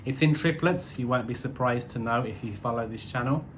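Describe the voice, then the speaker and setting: A man's voice: medium pitch, fairly quick, a little hiss or hum. A man giving a casual, rambling album review with wry asides, using musician's terms like semiquavers and odd time signatures.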